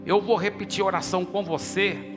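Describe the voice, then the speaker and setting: A man's voice: high voice, fairly even intonation, fairly quick. A male pastor preaching a sermon, passionately retelling his prayers and urging leaders to come forward. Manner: impassioned preaching with dramatic retold dialogue. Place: church auditorium. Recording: church hall reverb with faint music.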